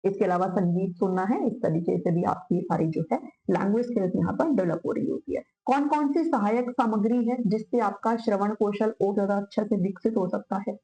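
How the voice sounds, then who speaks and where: A woman's voice: medium pitch, fairly quick, few pauses, dark tone, faint music behind, rough recording. A woman teacher giving an exam-prep lecture, explaining in Hindi mixed with English terms and often checking in with her students. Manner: repeats filler checks to students.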